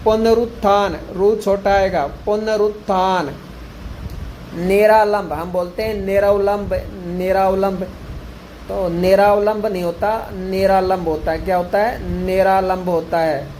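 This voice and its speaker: A male teacher giving an exam-prep grammar lesson, repeating each word slowly to drill it. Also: high-pitched, steady tone, darkish tone, slight background noise, poor audio.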